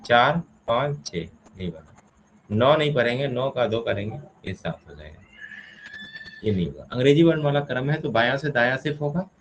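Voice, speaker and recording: Male teacher, mid-pitched voice, talks through each step and quizzes himself, light hiss behind. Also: big pitch swings, normal speed, highs cut off. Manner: asks questions and answers them himself, counts step by step. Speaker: reasoning teacher. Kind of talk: explaining a classroom problem.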